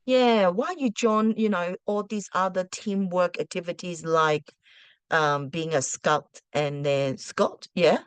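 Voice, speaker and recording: In a dry recording, a female teacher whose native tongue is Cantonese chats casually with parents, giving advice with plenty of rhetorical questions and restarts. Her voice is smooth and fairly low, with a slow pace.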